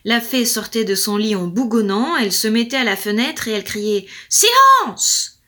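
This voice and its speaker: A woman storyteller reading a fairy tale aloud, expressive and playful, with sound effects and hushed asides. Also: medium pitch, fairly quick. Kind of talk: storytelling for children.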